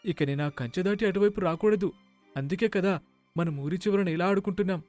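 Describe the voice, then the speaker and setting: A man's voice: high-pitched, brisk, darkish tone, soft background music, pitched above the performer's own voice, close to an everyday voice. A man voicing a timid little village boy who is afraid of being chased off, in a cartoon story. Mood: fearful. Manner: fearful, pleading.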